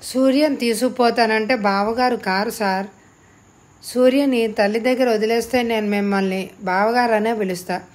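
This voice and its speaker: A woman voicing a polite, meek young woman who answers calmly and respectfully in an audiobook. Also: a little high, moderate pace, close to an everyday voice. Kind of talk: audiobook character reading.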